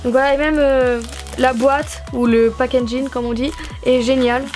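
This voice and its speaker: A young woman from France with a high, light voice gushes over the stationery she is unboxing. She chats casually and keeps adding fillers and repeated exclaims, with faint music playing underneath. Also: level tone, moderate pace, darkish tone. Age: young adult. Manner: gushing, enthusiastic, chatty with fillers.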